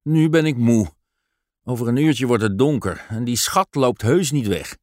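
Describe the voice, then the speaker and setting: A man's voice: medium pitch, expressive, a little slow, a little mellow, no echo, studio quality, lightly acted. A man playing a tired, patient father in a children's story, weary and a little breathless. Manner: weary and breathless, mildly grumbling.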